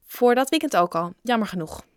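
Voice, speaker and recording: A woman voicing a boy who grumbles and is fast to say no, reading a storybook aloud. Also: on the high side, expressive, smooth, dry recording, studio quality, natural voice. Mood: flustered. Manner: sulky, quick to refuse. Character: boy, a complaining friend.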